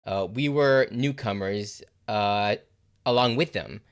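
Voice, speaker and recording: A man giving casual, animated reaction commentary on a TV episode, swearing freely and saying "like" and "you know" a lot. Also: lowish voice, takes it slowly, clean tone. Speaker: reaction video host.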